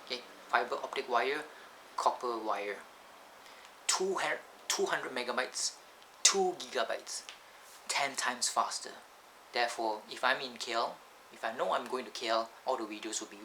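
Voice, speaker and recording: Speaking at normal speed with a middling pitch and sharp tone, a Malaysian vlogger chats loosely to his camera, straying off topic and stopping to correct himself. His built-in camcorder mic makes the voice thin and bassless. The low-quality recording carries a clear hum of background noise throughout.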